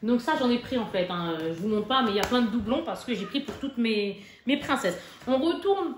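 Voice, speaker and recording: A woman's voice: a little high, lively intonation, fairly quick. Chatty mother in an echoey room. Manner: chatty, chummy, lots of fillers. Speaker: vlogger, mother. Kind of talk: casual haul vlog chat. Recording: echoey room with background noise.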